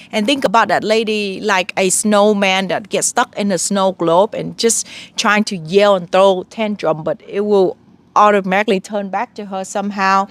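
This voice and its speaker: A woman in her thirties giving earnest spiritual advice in a casual monologue, talking straight to the viewer. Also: medium pitch.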